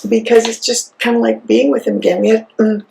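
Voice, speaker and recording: A woman's voice: fairly high pitch, flat delivery, a little fast, a little mellow, low-quality recording. A woman co-hosting a casual yarn shop podcast, a friendly knitter telling fond stories. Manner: friendly, gravelly, fond storytelling.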